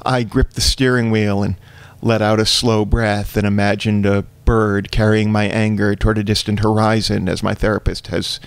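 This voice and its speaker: A man's voice: on the low side, creaky, clear, resonant tone. Wry, precise man telling a comic story. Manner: wry, precise and wordy delivery. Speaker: guest comedian and storyteller. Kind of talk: performed comic story reading.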